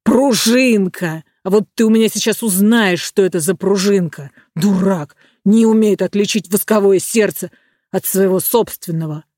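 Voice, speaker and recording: A reader voicing a smug, menacing giant sorcerer in a storybook reading, shouting and threatening at times, soft and coaxing at others. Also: mid-range voice, normal speed, no echo, clean studio sound, lightly acted. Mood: furious. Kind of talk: storybook character voice.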